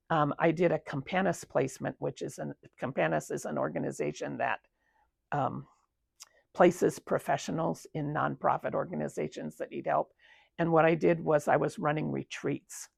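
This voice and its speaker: A woman's voice: sits low, vocal fry, a little mellow, slightly rough, dry recording. A woman in her seventies giving an interview at a retirement community, reflecting on her career with frequent ums and restarts. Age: 70s.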